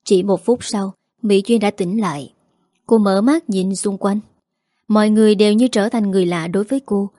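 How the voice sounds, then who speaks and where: A woman's voice: mid-range voice, normal speed, dark tone, dry recording, studio quality. Woman narrating a family drama story.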